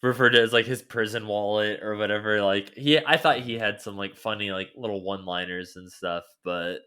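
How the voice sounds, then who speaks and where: A man talking as a podcast guest in a slightly low, bright voice. He is easygoing and hesitant, piling "like" into every sentence as he works out his thoughts. The voice has a forceful, edgy tone. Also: steady tone, brisk, smooth. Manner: hesitant, filler-heavy, easygoing. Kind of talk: casual chat.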